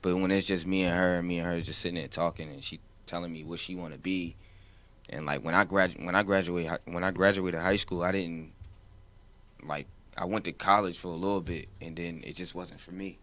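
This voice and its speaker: A man's voice: deep voice, fairly even intonation, fairly quick, a bit bright. A rapper, chatting in a laid-back, rambling way, with a voice that sounds older than his age. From New Jersey, US. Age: 20s. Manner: laid-back, rambling, says "you feel what I'm saying". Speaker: rapper guest. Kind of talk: casual interview chat.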